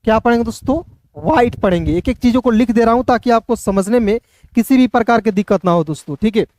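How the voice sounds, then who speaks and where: A man's voice: extremely high pitch, quick pace, a little mellow, no echo. A man teaching English reading, who patiently spells words letter by letter and quizzes his listeners.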